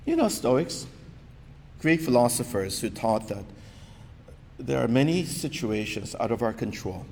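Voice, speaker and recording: An earnest male preacher speaks conversationally and asks his listeners rhetorical questions. His voice is gravelly, and his pitch rises and falls freely. It carries a long hall reverb over a faint low rumble. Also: a little mellow. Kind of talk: sermon.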